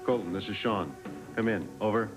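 A man's voice: lowish voice, brisk. An actor playing a tense man calling a missing partner over a walkie-talkie, using clipped radio protocol in a soap opera scene. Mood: worried. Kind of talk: 1990 TV soap opera acting. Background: dramatic music score.

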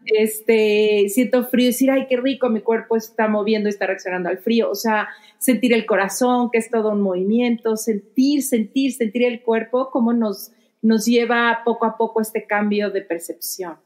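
A woman hosting a casual podcast, speaking in a thoughtful, searching way with soft fillers as she works through her ideas. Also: fairly high pitch, fairly even intonation, normal speed.

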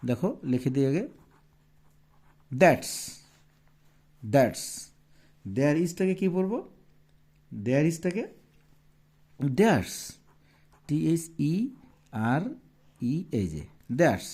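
Slow, mellow-voiced male school teacher. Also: on the high side, very animated. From Bangladesh. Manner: patient, asks pupils questions and repeats answers. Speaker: English teacher. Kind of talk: primary school lesson.

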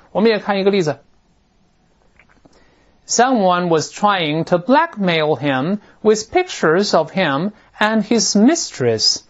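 A man teaching English through a textbook text, explaining in a chatty, colloquial way. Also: on the high side. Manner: lively, colloquial, northern-style chatty explanations. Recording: dull lo-fi recording.

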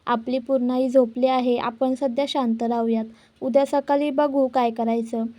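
A stern, cautious middle-aged mother voiced by a woman speaks with restraint in a high, mellow voice. The reading is close to the narrator's own plain tone. The recording is close and dry. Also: little pitch movement, normal speed, no room sound, close to an everyday voice.

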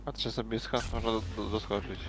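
A man's voice: fairly low pitch, flat delivery, a little fast, noisy background. A man chatting casually with a friend while they play, swearing offhandedly and thinking aloud. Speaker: co-op gaming partner. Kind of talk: casual gaming chat.

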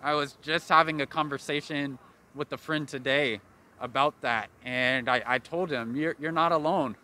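A man's voice: fairly high pitch, fairly even intonation, normal speed, pushed and bright. A young man sincerely sharing advice and a personal story in a street interview outdoors, into a handheld mic. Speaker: passerby.

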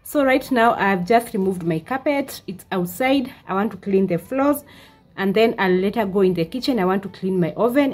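A woman's voice: medium pitch, darkish tone. A woman in her twenties chatting casually in a home vlog, with frequent "uh" fillers, recorded in her living room. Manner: chatty, with many "uh" fillers and restarts. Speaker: vlogger.

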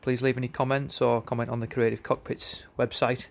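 On an informal product walkaround, a man speaks fairly quickly in a creaky medium-pitched voice with little pitch movement. He sounds matter-of-fact and slightly unsure. He holds the phone behind the camera in a concrete yard outdoors near outbuildings.

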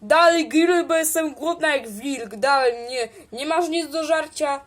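Woman doing toy role-play voices, high pitched and slow, squabbling back and forth. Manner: playful, bickering, switches between character voices. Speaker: toy video creator. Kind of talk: improvised toy role-play voicing several characters.

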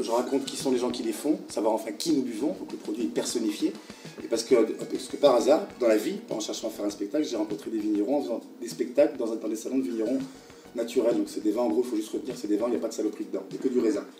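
A man talking playfully and quickly in an interview, repeating words for comic effect. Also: fairly low pitch, warm tone. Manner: rapid, playful, repetitive. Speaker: performer interviewee. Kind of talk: casual interview. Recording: roomy, distant mic over music.

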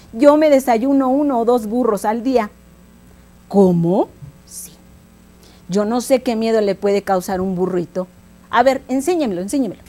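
A woman's voice: a little high, dark tone, natural voice. A woman voicing a cocky, self-assured male wolf in a told story, mocking and scheming.

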